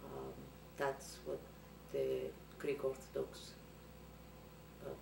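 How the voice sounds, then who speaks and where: An older woman from Cyprus, answering interview questions hesitantly with many pauses. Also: very deep voice, completely flat delivery, vocal fry. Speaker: interviewee, student's mother. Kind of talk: recorded interview. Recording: roomy, distant, noisy.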